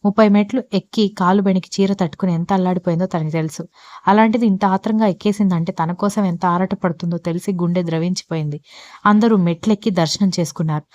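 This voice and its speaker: Low-voiced woman reading a story. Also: a little mellow, no room sound, dull audio. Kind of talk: scripted story narration.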